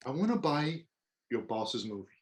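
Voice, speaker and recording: In a conversational screenplay table read over a video call, a woman plays an easygoing, flirty film buyer with a relaxed, teasing mood. Her voice is extremely low with big pitch swings, at a normal speed.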